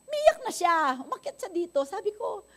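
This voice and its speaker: An older woman preaches in a church, telling a healing testimony with lively storytelling and bursts of laughter. Her voice sits high and swings widely in pitch as she acts out each moment. She slips easily between her sermon and English phrases. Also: moderate pace. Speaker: pastor.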